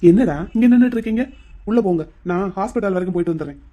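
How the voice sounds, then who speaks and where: A woman's voice: mid-range voice, rapid-fire, muffled recording, lightly acted. A woman voicing a hot-tempered young husband in a cartoon drama, speaking curtly and giving orders. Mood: firm. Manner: curt, ordering others about. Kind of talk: cartoon voice acting.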